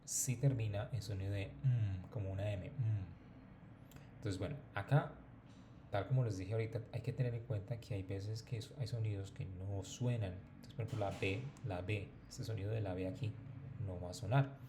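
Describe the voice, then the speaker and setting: A man teaching a pronunciation lesson, explaining patiently and repeating each example word slowly and clearly. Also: lowish voice, steady tone, background noise. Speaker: English teacher.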